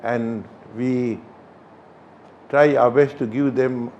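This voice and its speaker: An older man from Sri Lanka, a Buddhist chief priest, answering interview questions in a halting way with many pauses. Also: mid-range voice, steady tone, darkish tone, a little hiss or hum. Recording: slightly dull recording.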